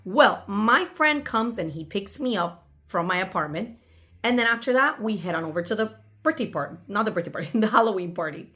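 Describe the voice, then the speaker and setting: On her own channel, a woman casually tells a personal story, acting out snippets of dialogue along the way. Her mid-range voice is a bit bright, with lively intonation and a slightly fast pace.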